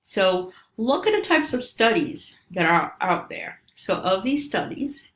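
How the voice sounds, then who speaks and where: A middle-aged Romanian-accented woman, a statistics professor, introduces her recorded course in a relaxed, informal way. Her mid-range voice moves unhurriedly as she explains things, peppered with plenty of ums and uhs.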